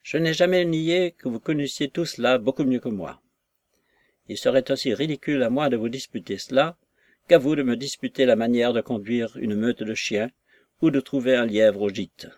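A man's voice: medium pitch, moderate pace, a little mellow, no room sound, lightly acted. A man reading a blunt stubborn country squire. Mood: grudging.

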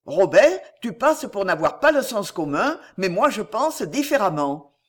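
Earnest, formal factory owner voiced by a reader in an audiobook, moderate pitch. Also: sing-song, unhurried. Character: earnest factory owner near ruin, reserved. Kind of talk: audiobook reading.

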